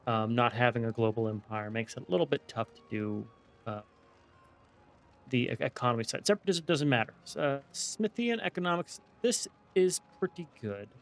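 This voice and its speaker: A man's voice: mid-range voice, animated, moderate pace, vocal fry. A man with a slight lisp from wearing a dental retainer, giving casual let's play commentary as he thinks aloud and weighs options one by one. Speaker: gaming video host.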